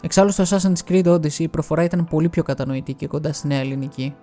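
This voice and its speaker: A man from Greece narrates a scripted video essay with wry, explanatory delivery. His voice is somewhat high for a man yet mellow and dark in color, with faint music underneath.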